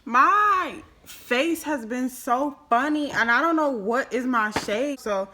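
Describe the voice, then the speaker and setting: A woman's voice: high-pitched, expressive, takes it slowly, pushed and bright. A woman in her twenties chatting casually to camera in a giggly, tipsy ramble, as a makeup vlogger. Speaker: vlogger giving a makeup tutorial. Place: small room at home, indoors.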